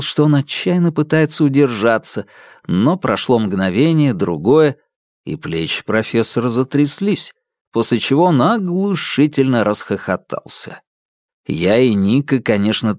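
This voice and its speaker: A male audiobook narrator reading with lively, expressive pitch. Scripted storytelling, clearly paced. Dry, close-miked studio sound. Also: no room sound.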